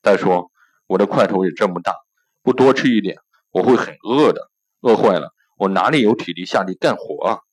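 A man's voice: sits low, lively intonation, brisk, low-quality recording. A man voicing a sad, hardworking old ox in a spoken storybook, talking in a choked-up, plaintive way. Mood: aggrieved.

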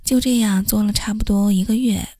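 A woman's voice: medium pitch, fairly even intonation, brisk, dark tone, no room sound, clean studio sound. A woman reading a first-person story aloud as a podcast host, with a wry, self-mocking manner.

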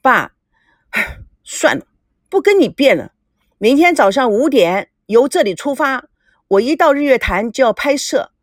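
A woman's voice: unhurried, long pauses, dry recording, clean studio sound. A woman voicing an indignant young woman arguing back at her father. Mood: weary. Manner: protesting, high and animated.

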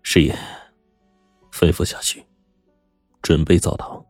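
A man voicing a stern, weary male prefect who speaks slowly, low and heavy. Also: level tone, darkish tone, dry recording, faint music behind, exaggerated voice. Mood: grave.

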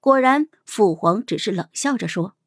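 A woman hosting and narrating an audiobook, telling the story in an animated, expressive way. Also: mid-range voice, normal speed, dry recording, studio quality.

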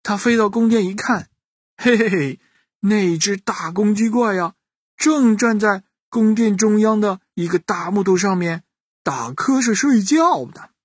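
A man narrating a children's bedtime story in an animated way, speaking straight to the children listening. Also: high-pitched, measured pace, slightly rough, no echo, clean studio sound. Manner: animated, addressing children directly.

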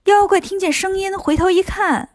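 A woman storyteller narrating a children's story in a lively, chatty way. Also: very high-pitched, moderate pace, no echo.

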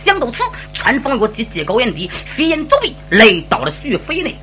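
A woman's voice: on the high side, big pitch swings, brisk, pushed and bright, faint music behind. Henan woman telling a sung tale. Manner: rhythmic, dramatic recitation. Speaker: storyteller. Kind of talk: Henan zhuizi sung storytelling.

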